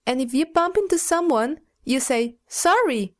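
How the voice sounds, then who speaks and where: A woman from Mexico plays the learner in a scripted bilingual lesson. She speaks high and unhurried, echoing the teacher's phrases with a playful touch. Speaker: co-host and student.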